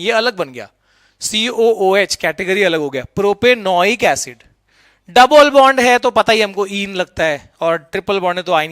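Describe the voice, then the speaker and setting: Middle-aged guy teaching chem, high bright voice, keeps asking "right?", dry close sound. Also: no room sound. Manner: mixes English terms into Hindi. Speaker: chemistry teacher. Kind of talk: explanatory classroom lecture.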